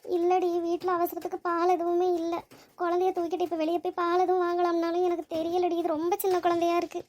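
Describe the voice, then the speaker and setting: Malar, a very high, flat anxious girlish voice, as a woman voices her. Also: quick pace. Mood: worried. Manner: fretful, pleading, talks to herself. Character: young woman who took in a crying baby, anxious and tender. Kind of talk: cartoon voice acting.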